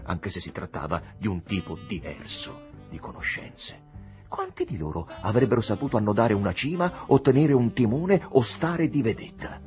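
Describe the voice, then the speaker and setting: A man reading a novel aloud as an audiobook, in an expressive, dramatic way. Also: fairly low pitch. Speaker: audiobook reader. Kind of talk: scripted narration of a novel.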